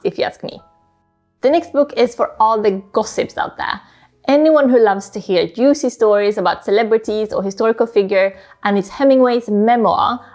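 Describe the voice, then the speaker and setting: Her voice is mid-range and slightly mellow as this host, a book YouTuber whose first language is Swedish, casually recommends books to camera. She keeps things chatty and informal, frequently tossing in "like."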